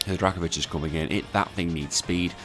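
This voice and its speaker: A young British man with a very low voice commentates on a game in a casual way. He keeps it quiet and subdued, as if recording late at night, with music clearly playing behind him. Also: steady tone, a little fast. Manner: subdued, hushed voice kept down at night. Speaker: gaming content creator. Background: clear background music.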